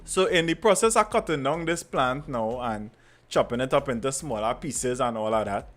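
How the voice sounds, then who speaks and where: A man with a Trinidadian accent chatting casually and telling anecdotes in animated Creole, repeating phrases for emphasis. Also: mid-range voice, normal speed, faint music behind. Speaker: podcast host.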